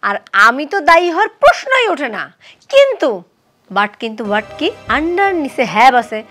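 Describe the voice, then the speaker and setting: Sarcastic young wife, very high voice, lively, bright. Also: female voice, normal speed, soft background music, full character voice. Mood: furious. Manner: sharp, scolding, sarcastic. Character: shrill, indignant young second wife. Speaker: young wife of an older man. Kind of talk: television drama acting.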